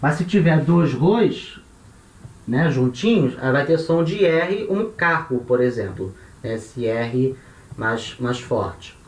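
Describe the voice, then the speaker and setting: A man with a Brazilian Portuguese accent teaching a language lesson, slowly repeating each letter and its sound and checking in with tá and né. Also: mid-range voice, expressive. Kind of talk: classroom-style lesson. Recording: echoey room.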